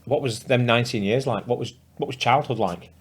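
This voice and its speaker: A man's voice: medium pitch, brisk, slightly rough. A man co-hosting a podcast, speaking in a friendly way and often stammering and restarting his sentences. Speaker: podcast co-host. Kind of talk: casual podcast chat.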